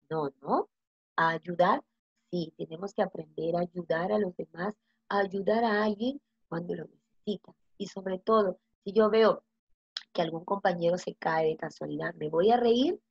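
A woman's voice: on the low side, vocal fry, breathy edge, no room sound, dull audio. A first-grade teacher, giving a recorded reading lesson to young children. She is patient, stretches her words and asks many questions, then answers them herself.

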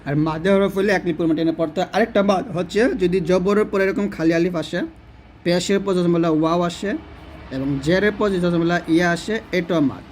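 A man teaching Quran reading step by step, patiently repeating each rule and chanting the sample words slowly. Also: high-pitched, fairly even intonation, darkish tone, slight background noise. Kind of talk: step-by-step spelling lesson.

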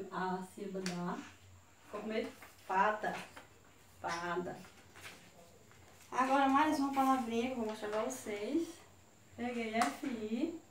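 Woman teacher from far off. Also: a little high. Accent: Brazilian Portuguese. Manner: slow, syllable-by-syllable teaching. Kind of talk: children's video lesson. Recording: echoey room, voice from far off, faint hiss.

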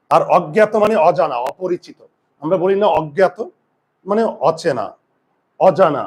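A male grammar teacher giving a classroom lesson, asking his students questions and answering them himself, sometimes dropping to a low quiet voice for asides. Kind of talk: classroom lesson explaining pronunciation.

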